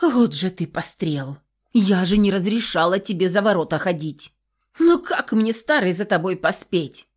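A woman's voice: mid-range voice, expressive, normal speed, natural voice. A woman reading an audiobook, voicing a kindly old grandmother who talks in a folksy, fussing way. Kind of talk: audiobook character voice.

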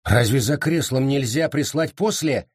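A man doing a gruff, reluctant colonial guard, husky voice, dry close sound, storybook reading. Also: mid-range voice, moderate pace, no echo, close to an everyday voice.

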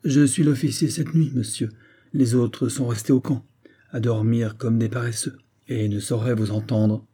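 Sarcastic insolent grenadier read by a man, dark husky tone, mocking. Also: medium pitch, steady tone, moderate pace, natural voice. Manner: mocking, coolly ironic.

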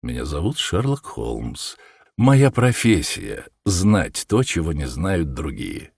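Calm soft-spoken detective, as a male reader does him, low and quiet, measured, audiobook, dry close sound. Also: vocal fry, husky, no echo, exaggerated voice. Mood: assured. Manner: soft, gentle, measured speech. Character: calm, clever male detective, gentle and assured.

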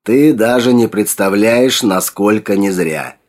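A nervous old scientist speaks in a slow, quiet, tense way, as a male reader puts him on. His voice sits low and a little grave. He sounds shaken. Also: close to an everyday voice.

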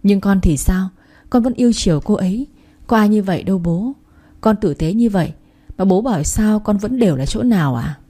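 A woman's voice: medium pitch, expressive, brisk, dark tone, natural voice. A woman voicing a scheming son-in-law who pleads and wheedles in a storybook reading. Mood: pleading.

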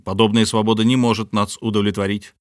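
A man's voice: lowish voice, little pitch movement, quick pace, no echo, clean studio sound, natural voice. A man voicing a polite but indignant scholar held captive, speaking formally and pleadingly. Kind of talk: audiobook character reading.

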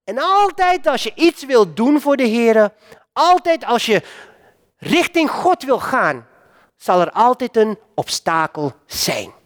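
A man delivering a sermon in a notably high, lively voice that swoops up and down with emphasis. He takes his time, speaking slowly and deliberately as he addresses the congregation directly. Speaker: preacher.

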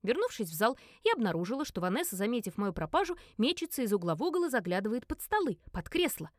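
Lively woman narrating a novel. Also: fairly high pitch, fast, no room sound, clean studio sound. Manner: animated, wry storytelling. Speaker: audiobook reader. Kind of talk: first-person novel narration.

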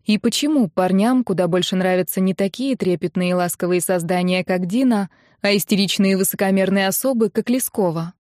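Woman narrator, audiobook novel, steady storytelling, dry close sound. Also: mid-range voice, fairly quick, few pauses, no room sound. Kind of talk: first-person novel narration.

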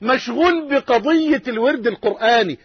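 A man with an Egyptian Arabic accent preaching a sermon with passion, slowing down for emphasis and acting out the dialogue of his stories. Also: very high-pitched, lively intonation, slightly rough, dry recording, lo-fi sound. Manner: impassioned, slows down for emphasis, acts out dialogue.

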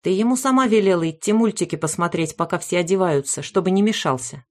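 A woman's voice: fairly low pitch, fast talker, darkish tone, natural voice. A woman voicing a sulky teenage daughter who snaps back at her mother and sister. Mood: snappish. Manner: sulky and snappish.

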